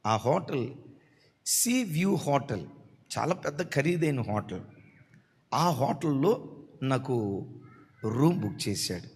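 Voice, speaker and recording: A man's voice: mid-range voice, very animated, takes it slowly, long pauses, slightly rough. A male pastor preaching to a congregation, telling a story with quoted voices and calling on listeners to respond. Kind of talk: sermon storytelling. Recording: long hall reverb.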